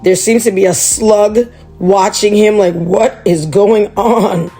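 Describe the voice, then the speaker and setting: A woman reading a chapter book aloud to children, chatty and animated. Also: medium pitch, slow, husky, soft background music.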